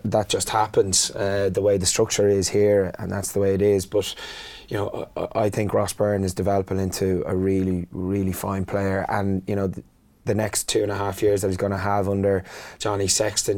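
A man giving casual sports analysis as a rugby pundit, halting and repeating words as he reasons. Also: on the low side, completely flat delivery, darkish tone. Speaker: rugby pundit, former player or coach.

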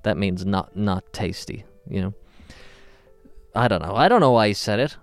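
Man, low smooth voice, rambling deadpan podcast storyteller. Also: moderate pace, faint music behind. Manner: rambling, self-interrupting and deadpan. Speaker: podcast host. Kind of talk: comic storytelling monologue.

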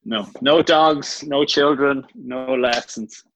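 A man talking as a guest over a muffled, low-quality online stream that sounds underwater, giving terse, dry joking replies. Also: slow pace, a bit bright. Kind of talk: casual chat. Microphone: phone on a weak signal. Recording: dull lo-fi phone connection.

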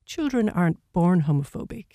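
Articulate, earnest woman with a mellow, lowish voice. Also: sing-song, brisk, dry recording. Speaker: panel guest. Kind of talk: conversational panel discussion.

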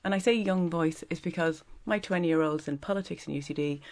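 A woman's voice: on the low side, a little fast. A middle-aged woman with a Dublin accent, chatting breezily as a guest on a panel discussion. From Ireland.

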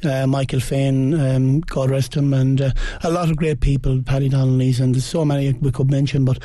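A man's voice: mid-range voice, flat delivery, normal speed, mellow, no echo. A man with a west of Ireland accent chatting casually as a sports panel guest, modest and a little hesitant. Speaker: sports guest, Gaelic football goalkeeper.

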